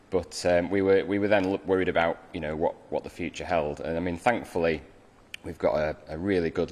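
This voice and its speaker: A man in his thirties, a railway manager, giving hesitant, filler-heavy answers in a live interview. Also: sits low. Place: large railway engine shed, indoors.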